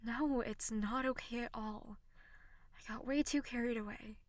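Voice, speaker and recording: A young woman playing a snappy tsundere tutor in an audio role-play, who goes from sharp scolding to halting, breathy, remorseful near-whispers. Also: a little high, steady tone, no echo, close to an everyday voice. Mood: soft, remorseful.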